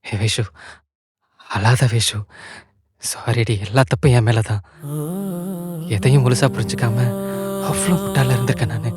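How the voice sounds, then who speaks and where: An actor playing a young husband who gently apologizes to and comforts his wife. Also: mid-range voice, steady tone, moderate pace, pauses often, husky. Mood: tender. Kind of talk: short film acting. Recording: loud music under the voice.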